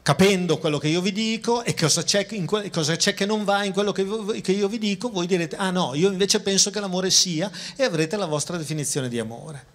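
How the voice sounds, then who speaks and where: A man with a fairly high voice lectures to an audience, talking to them directly. He often repeats and restarts his phrases, then slows right down to lean on the words that matter. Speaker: philosopher giving a public talk. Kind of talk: public lecture. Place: outdoor town square.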